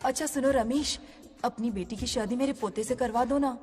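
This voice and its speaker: A woman plays a persistent old grandmother ghost in a dubbed film, coaxing in a high voice. Soft film music sits behind her. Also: moderate pace, long reverb tail, natural voice. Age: older. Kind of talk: Hindi film dub.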